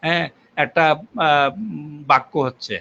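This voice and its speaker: Older professor lecturing patiently, lo-fi. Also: male voice, on the high side, steady tone, a little slow, pushed and bright, a little hiss or hum. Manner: patient, lecturing with examples and fillers. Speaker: linguistics professor. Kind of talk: explanatory academic interview. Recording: muffled lo-fi recording.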